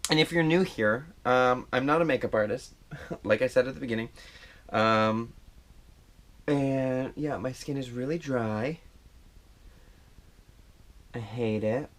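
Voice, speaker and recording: A man's voice: medium pitch, takes it slowly, long pauses. Man filming a makeup tutorial at home, loose chatty delivery with fillers, pokes fun at himself. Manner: chatty and self-deprecating, rambling with fillers. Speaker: makeup vlogger. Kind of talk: casual makeup tutorial chat. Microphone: action camera.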